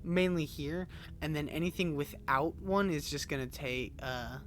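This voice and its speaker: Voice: mid-range voice, normal speed, slight background noise. A gaming host giving casual, joking commentary while playing through a story game. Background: game music.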